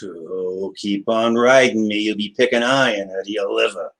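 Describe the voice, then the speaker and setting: Low-voiced surly gangster gunman. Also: moderate pace, fairly bright tone. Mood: surly, menacing. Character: surly young gunman threatening in gangster slang. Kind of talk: radio drama acting.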